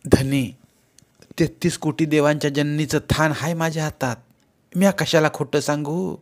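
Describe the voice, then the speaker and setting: A man voicing a shy young village wife with a rural Marathi accent, speaking softly. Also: on the high side, fairly even intonation, normal speed, voice pushed up, close to an everyday voice.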